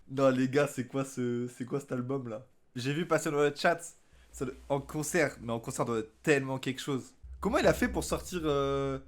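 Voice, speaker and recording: Excitable streamer reacting with slangy awe. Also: male voice, on the high side. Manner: excitable, slangy, keeps repeating he is shocked. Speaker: streamer reacting to a rap album. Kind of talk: live reaction commentary.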